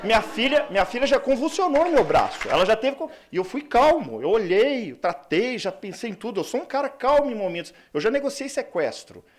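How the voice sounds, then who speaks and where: High-pitched guy at a conference, rattling on quick, jokey about himself, lots of fillers. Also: very animated. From Brazil. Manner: chatty and self-mocking, with many fillers. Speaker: lawyer giving a conference talk. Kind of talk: conference talk. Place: conference hall.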